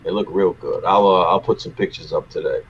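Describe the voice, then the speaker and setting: A man's voice: low-pitched, fairly even intonation, fairly quick, muffled recording. A man co-hosting a casual live show, joking crudely and often repeating his words. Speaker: co-host. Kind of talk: casual chat.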